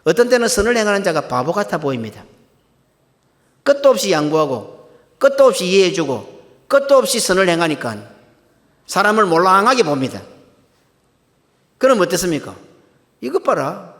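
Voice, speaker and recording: A man's voice: sits high, sing-song, normal speed, pauses often, a bit bright. Emphatic male pastor preaching. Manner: emphatic, rhetorical questions to the congregation. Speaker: senior pastor. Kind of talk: sermon. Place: church sanctuary. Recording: long church hall reverb.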